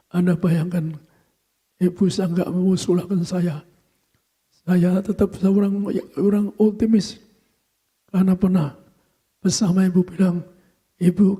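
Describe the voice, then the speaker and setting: Older male pastor, high husky voice, dark and flat, repetitive sermon delivery. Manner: repetitive preaching, tags phrases with "so".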